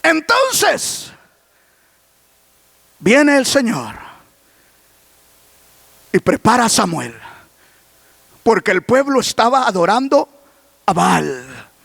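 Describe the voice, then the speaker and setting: A male pastor preaches a sermon, asking the congregation rhetorical questions and breaking into shouts. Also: extremely high pitch, wildly swooping pitch, slow pace, creaky, long pauses, dry recording.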